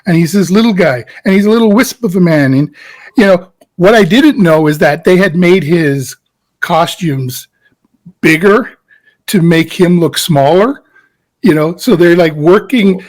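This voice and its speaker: A man's voice: high-pitched, unhurried, darkish tone. A middle-aged actor telling a set story in an interview, acting out his own past reactions in a frantic voice. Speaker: guest actor. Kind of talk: animated anecdote in a casual interview.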